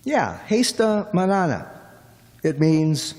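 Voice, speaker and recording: A man's voice: a little high, very animated, takes it slowly, a little mellow. A man playing a chatty, folksy middle-aged cab driver in a radio play, rambling on in a drawl. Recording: long hall reverb.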